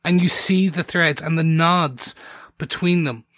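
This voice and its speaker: Man, podcast co-host, rambling, enthusiastic, slightly high voice, bright tone. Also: measured pace, no echo, clean studio sound. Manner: rambling, enthusiastic, self-interrupting. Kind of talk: casual TV recap chat.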